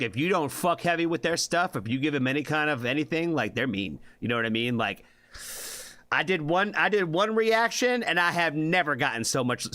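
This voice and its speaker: In a medium-pitched, sharp-toned voice on a dry recording, a man hosts a music reaction livestream. He's laid-back and rambling, swears freely, uses lots of fillers, and keeps asking "you know what I mean?"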